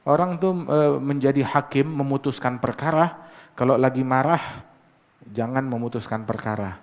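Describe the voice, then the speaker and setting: A man preaching, animated and teasing, mimicking hurried recitation and firing rhetorical questions. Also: mid-range voice. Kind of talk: sermon. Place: mosque gathering. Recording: long hall reverb.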